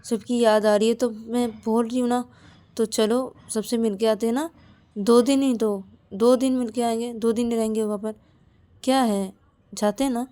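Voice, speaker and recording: A caring young woman who keeps asking what is wrong and gently coaxes her partner. She sounds worried and insistent, and her pitch climbs as she presses, as a woman storyteller puts her on. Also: steady tone, moderate pace, natural voice. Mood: coaxing. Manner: coaxing, repeated worried questions. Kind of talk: storybook narration.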